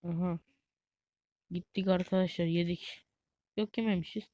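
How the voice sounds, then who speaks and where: A woman giving live gameplay commentary as a gaming YouTuber, excitable and easily frustrated, chatting to viewers like friends. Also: fairly low pitch, normal speed, no room sound, lo-fi sound.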